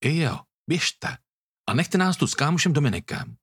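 A man's voice: on the low side, sing-song, fairly bright tone, breathy edge, no echo, clean studio sound, heavily acted. A man voicing a sneering young thug. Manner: mocking, contemptuous.

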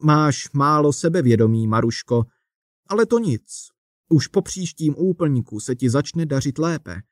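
A man's voice: on the high side, animated, no echo, studio quality, natural voice. A man reading the part of a pushy, self-satisfied manager in a striped suit, talking like a salesman. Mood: bossy. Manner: brisk, salesman-like, lecturing.

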